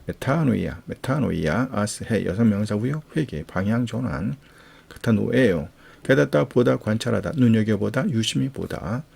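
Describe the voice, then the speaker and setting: Male Bible-language teacher, gravelly, husky, patient repetitive drilling. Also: on the low side, lively intonation, moderate pace, darkish tone. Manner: patient, repeats each word several times. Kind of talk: vocabulary lecture with repeated drills.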